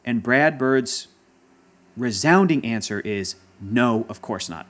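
A man's voice: medium pitch, animated, slow pace, a bit bright. A man in casual chat as a podcast guest, talking in a passionate, rambling and emotional way. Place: Los Angeles area.

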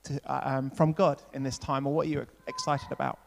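A man's voice: medium pitch, little pitch movement, a little fast, creaky, big-room sound, a little hiss or hum. A man leading a church gathering, chatting loosely while interviewing two newcomers and then praying over them, often saying "brilliant" and "yeah". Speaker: church leader hosting an on-stage welcome. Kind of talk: casual stage interview and spoken prayer. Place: church hall with long reverb.

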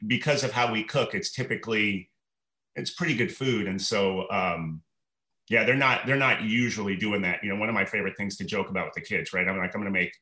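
A man in his forties, a restaurant manager guesting on a podcast, talking in a rambling, relaxed way full of fillers and restarts. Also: on the low side, reverberant. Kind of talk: relaxed conversational interview.

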